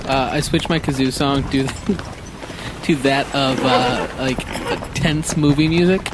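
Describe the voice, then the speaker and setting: A man's voice: mid-range voice, slow, heavy background noise. A man playing a tabletop game, chatting casually with irreverent, slangy jokes. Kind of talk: casual joking game chat.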